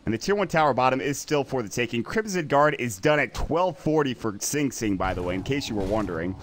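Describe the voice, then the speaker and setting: A man doing play-by-play commentary on an esports match, quick and excitable in fights and laid-back in the lulls. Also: medium pitch.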